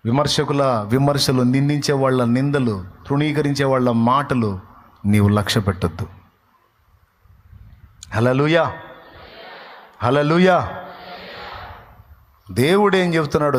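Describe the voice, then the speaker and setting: A pastor delivers a sermon full of dramatic storytelling, acting out the villagers and David in colloquial voices. His expressive voice moves at a normal speed with frequent pauses, swinging between loud exclamations and low asides.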